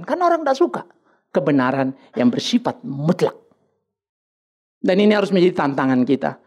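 Animated, gravelly-voiced male pastor preaching. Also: on the high side. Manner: animated, joking, mixes in English words. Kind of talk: sermon.

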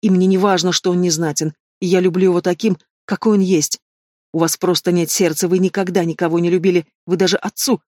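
A man's voice: high voice, steady tone, brisk, a little mellow, dry recording, clean studio sound, natural voice. A man reading an audiobook voices a passionate, defiant young noblewoman, lifting his voice into emotional outbursts.

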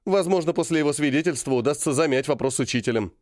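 A man's voice: fairly high pitch, quick pace, darkish tone, no echo, studio quality, voice pushed up, natural voice. A man doing a worried young clan ally. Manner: anxious, complaining.

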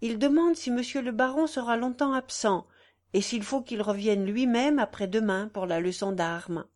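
A woman's voice: on the high side, moderate pace, darkish tone, lightly acted. A woman reading the part of a male household servant who reports to his mistress formally and deferentially.

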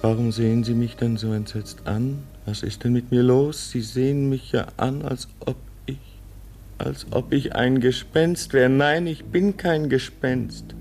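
A man's voice: medium pitch, steady tone, a little mellow, soft background music, lightly acted. An actor in a radio play voicing a man in his thirties, anxious and pleading that he is not mad. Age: 30s. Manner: urgent, pleading, rushing. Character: anxious male driver, 36, fearing madness.

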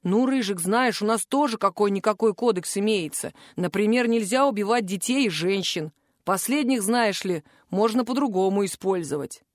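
A woman voicing a huge male troll who cooks on a pirate ship, with a rumbling, teasing voice. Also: expressive, normal speed, dry recording, clean studio sound, close to an everyday voice. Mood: gruff teasing. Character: huge male troll ship's cook, booming bass, gruff but caring.

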